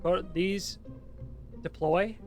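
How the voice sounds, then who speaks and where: A man's voice: high voice, extremely slow, a little mellow, soft background music. A man streaming a game with a co-host, casually talking himself through each step and swearing now and then. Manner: narrates each step under his breath, easygoing and swearing.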